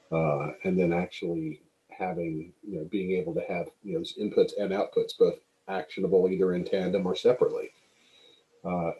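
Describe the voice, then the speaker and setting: A man's voice: low-pitched, dark tone, lo-fi sound. A man talking casually on a call, hesitant and using many fillers like "uh, you know". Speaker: community member on the call. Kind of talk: casual livestream discussion.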